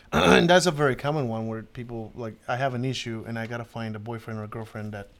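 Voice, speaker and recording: A man's voice: medium pitch, fast talker, a bit bright, a little hiss or hum. A man co-hosting a casual podcast, talking in a loose, rambling way with lots of restarts and the odd swear word. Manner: rambling, many restarts and fillers, swears freely. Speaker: podcast co-host.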